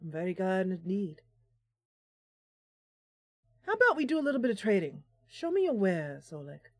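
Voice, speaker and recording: A woman's voice: medium pitch, huge pitch swings, dry recording, clean studio sound. Woman playing Baudelaire, a gracious sing-song bard. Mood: gracious, pleased. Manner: deliberate, sing-song, drawn-out. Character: gracious, musical female bard adventurer.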